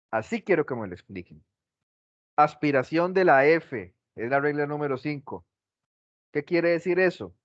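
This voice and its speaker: A man's voice: mid-range voice, dry recording. A male teacher giving a class lecture, asking the class questions and repeating his examples, on a dull lo-fi recording.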